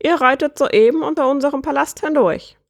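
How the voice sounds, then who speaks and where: A woman voicing a croaking, joke-loving male bird prince in a storybook reading, with a cheerful, joking manner. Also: high voice, fairly quick, voice pushed up. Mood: jokey. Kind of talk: storybook character voice.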